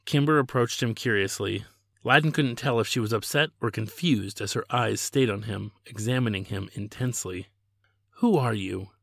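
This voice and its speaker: A man, the author, reading his own novel aloud in a steady, measured way. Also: on the low side, vocal fry, no echo, studio quality. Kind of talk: audiobook narration.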